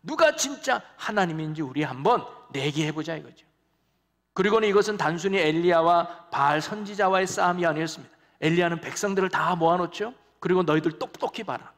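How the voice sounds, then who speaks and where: A man's voice: sits high, a little fast, a bit bright. Male pastor preaching in an echoing church. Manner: engaging, asks the congregation questions. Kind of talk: sermon. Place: church sanctuary.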